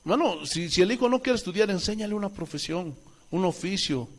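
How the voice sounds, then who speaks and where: Speaking briskly in a high-pitched, animated voice, a Bolivian-accented man delivers a church sermon as pastor. He poses questions to the congregation, swinging from loud calls to quiet asides.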